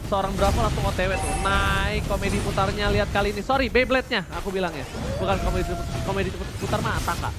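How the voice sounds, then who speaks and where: Very high-pitched Indonesian male esports commentator. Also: steady tone, quick pace. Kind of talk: live esports commentary and analysis. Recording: loud music under the commentary.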